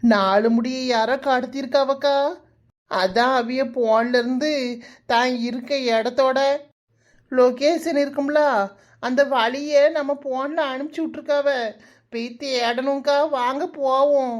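Lady doing a cartoon village girl, high, earnest, tirunelveli tamil accent. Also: steady tone, measured pace. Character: young village girl, eager helper. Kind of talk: cartoon voice acting.

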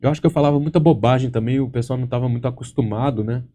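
Joking, profane Brazilian man with a dark voice. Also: mid-range voice, rapid-fire. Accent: Brazilian Portuguese. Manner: profane, joking storyteller, constant tag words. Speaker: exam-prep teacher hosting a live Q&A. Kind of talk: casual live Q&A chat. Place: studio with green screen.

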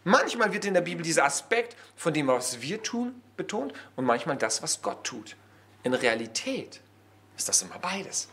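A man preaching an early morning church sermon, conversational and lively, with many rhetorical questions. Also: fairly high pitch, moderate pace.

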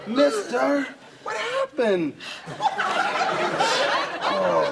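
A man acting as the excitable lead of a sitcom, stammering and talking fast, over studio audience laughter. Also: very high voice, over a noisy crowd, very noisy, heavily acted.

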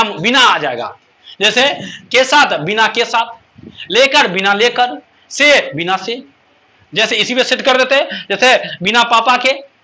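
In a low-quality recording, a male teacher leads an English lesson in class, his voice high and bright. He explains point by point, repeatedly putting questions to his students.

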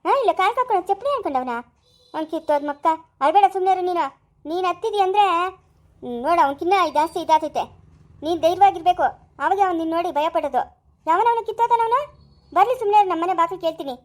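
A fierce but caring sister-in-law, acted by a woman, comforting one moment and forceful the next. Her voice is very high and her speech rapid. She has a Chikkaballapur Kannada accent, in a homemade family skit. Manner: scolding yet comforting, forceful.

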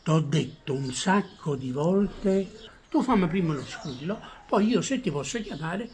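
A man's voice: on the high side, lively intonation, measured pace, a crowd in the background. A man playing a flustered husband who stammers through excuses, in an amateur comedy sketch. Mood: exasperated. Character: Fello, a flustered husband hiding a phone affair. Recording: noisy home recording.

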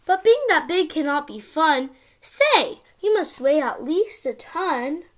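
A young girl with a high, childlike voice reads a picture book aloud to little kids. Her delivery is expressive and sing-song, in the manner of a storytime for small children. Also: takes it slowly. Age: child, around ten. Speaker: young video channel host reading a picture book. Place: small indoor room at home.

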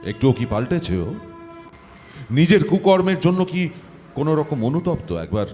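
A man's voice: a little high, lively intonation, moderate pace, dark tone, faint music behind, close to an everyday voice. A man playing a pompous self-righteous judge. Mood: scornful, curious. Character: pompous moralizing middle-aged male judge. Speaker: actor in a live audio play. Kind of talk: live stage audio-play acting. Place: auditorium stage. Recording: live hall with long reverb.

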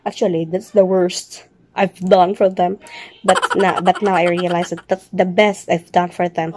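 A young woman from the Philippines, a nurse working abroad, chatting loudly and teasingly as she answers questions in a casual vlog. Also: mid-range voice, slight background noise. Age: young adult. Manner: loud, chatty, teasing, jokes then says she's kidding. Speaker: vlogger, overseas dental nurse.

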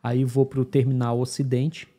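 A man's voice: medium pitch, moderate pace. Brazilian man telling a travel tale. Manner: animated, acts out dialogue with voices. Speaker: guest telling travel story. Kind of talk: casual storytelling.

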